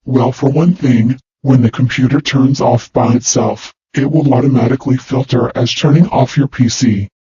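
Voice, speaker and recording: A man's voice: mid-range voice, normal speed, few pauses, mellow, close to an everyday voice. A man giving a matter-of-fact explanation about the computer rules. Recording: roomy, dull lo-fi sound.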